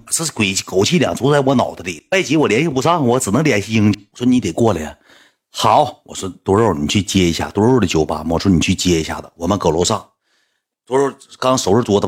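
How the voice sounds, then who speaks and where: A man with a Northeastern Chinese accent telling a rambling anecdote in a casual, animated way, breaking into mocking high-pitched rants. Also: breathy edge. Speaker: storyteller.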